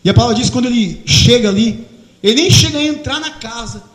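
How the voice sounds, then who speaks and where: Impassioned high-voiced preacher in an echoey hall. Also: male voice, fast. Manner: impassioned, builds to shouting. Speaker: pastor. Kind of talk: sermon.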